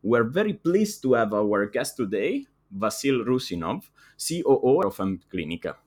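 A man's voice: medium pitch, sing-song, normal speed, darkish tone. Man hosting a business podcast. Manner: formal, reads intro text. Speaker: podcast host. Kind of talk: scripted intro, then interview questions.

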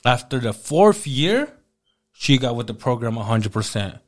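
Medium-pitched and moderately paced, he's a man in his thirties sharing his life story in an interview. The telling is casual and animated, full of dialogue he acts out.

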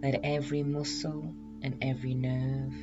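A woman hypnotherapist guiding a self-hypnosis session in a calm, meditative, soothing way. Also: very deep voice, normal speed, dull audio, over music. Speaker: hypnotherapist and weight loss coach, podcast host.

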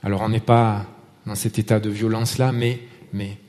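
A man preaching a sermon in a relaxed, conversational way. He tells stories, hesitates and restarts, and speaks French with a foreign accent. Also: fairly low pitch, normal speed, big-room sound.

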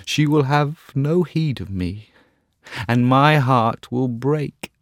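A man's voice: mid-range voice, slow, no echo, pitched above the performer's own voice. A man playing a lovesick young male student in a storybook reading, speaking in an impassioned, yearning way. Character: heartbroken young male student, pining and dramatic.

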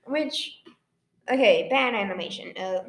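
A woman's voice: medium pitch, measured pace, noisy background. A woman co-hosting a casual chat podcast, rambling and trailing off into restarts. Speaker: podcast co-host. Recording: roomy echo.

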